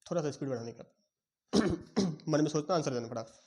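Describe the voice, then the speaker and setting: A man's voice: on the high side, animated, fairly quick, dark tone. A young man teaching a commerce lecture, quizzing students and acting out their answers in Hinglish. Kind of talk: classroom lecture.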